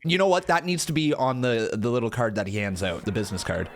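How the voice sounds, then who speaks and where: A man's voice: medium pitch, quick pace. A man hosting with casual, off-the-cuff reaction commentary. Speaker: reaction video host.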